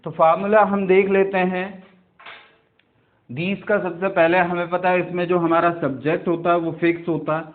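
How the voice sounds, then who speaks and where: A man's voice: high voice, level tone, normal speed. A man teaching English grammar in a video lesson, drawing out words and checking in with his students again and again. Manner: drawing out words and repeating "theek hai" and "bhaiya" to check in with students. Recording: tinny phone-like sound.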